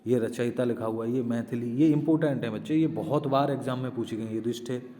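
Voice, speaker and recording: A man's voice: mid-range voice, fast talker, warm tone, long reverb tail. A man teaching an exam-prep spelling lesson, explaining step by step and often asking and answering his own questions.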